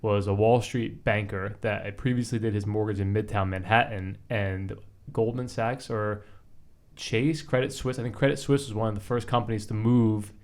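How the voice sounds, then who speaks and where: A man hosting a podcast, upbeat and chatty with quick asides to his guest. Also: fairly low pitch, fairly even intonation. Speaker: podcast host. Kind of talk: podcast interview.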